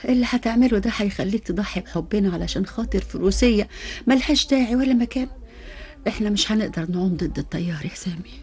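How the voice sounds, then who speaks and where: An actress with an Egyptian accent playing a resolute, self-sacrificing young student in love, breathy, in a radio melodrama. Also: female voice, mid-range voice, fast, darkish tone, natural voice. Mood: firm, pained.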